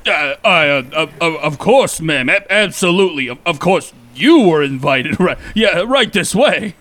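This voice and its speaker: A woman's voice: lowish voice, lively intonation, normal speed, fairly bright tone, voice pushed down. A woman putting on a stammering, flustered male guard.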